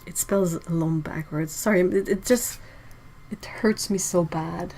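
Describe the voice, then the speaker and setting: A woman's voice: lowish voice, unhurried, darkish tone, slight background noise, poor audio. A woman hosting a casual livestream, chatting and reacting to chat messages with frequent laughs. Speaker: livestream host.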